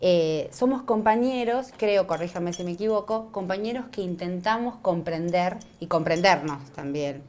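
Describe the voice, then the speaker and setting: Woman, argentine accent, talk show host, low voice, reflective questioning. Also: animated, normal speed, few pauses, a little mellow. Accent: Argentine Spanish. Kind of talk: radio talk show chat.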